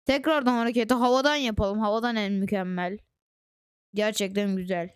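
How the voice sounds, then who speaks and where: A woman hosting a gaming channel, chatting excitedly to viewers through casual gameplay commentary on a close desk microphone. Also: medium pitch, fairly quick, clean tone, no echo.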